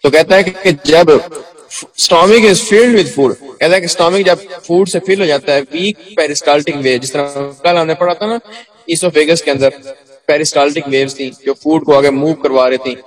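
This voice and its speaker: A man's voice: fairly high pitch, fairly even intonation, rough recording. A male teacher giving a lecture, reading lines of English text aloud and then explaining each one, with frequent check-ins to his listeners.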